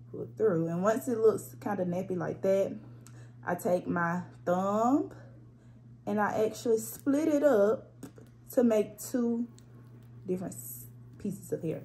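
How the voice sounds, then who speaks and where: Woman, tutorial host, relaxed and instructive, phone mic, faint background hiss. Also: medium pitch. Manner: relaxed, instructive, talks through each hand step. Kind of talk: casual step-by-step tutorial. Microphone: phone propped up on a spray bottle.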